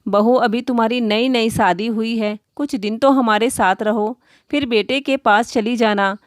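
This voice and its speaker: A woman doing a gentle old village mother. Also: fairly high pitch, fairly even intonation, a little slow, no room sound, clean studio sound, natural voice. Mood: gentle pleading. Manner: soft, affectionate pleading.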